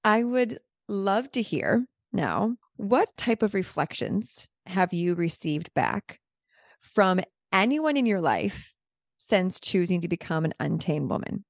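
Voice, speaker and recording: A woman's voice: medium pitch, big pitch swings, takes it slowly, creaky, dry recording, clean studio sound. A woman hosting a virtual round table over a video call, talking in a reflective, affirming way with casual fillers. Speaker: host.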